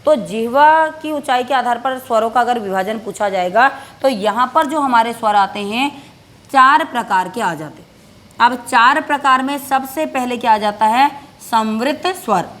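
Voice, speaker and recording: A woman teacher giving a grammar lesson, asking and answering her own questions and slowing down to dictate notes. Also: a little high, lively intonation, fairly bright tone. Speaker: Hindi teacher. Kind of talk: classroom-style grammar lesson.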